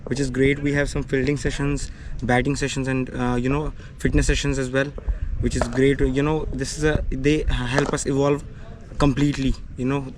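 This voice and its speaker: A man's voice: mid-range voice, flat delivery, moderate pace. A young man with a Kashmiri accent answers interview questions politely, often adding "you know". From Srinagar, Kashmir. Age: young adult. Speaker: junior cricketer being interviewed. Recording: clear background ambient noise.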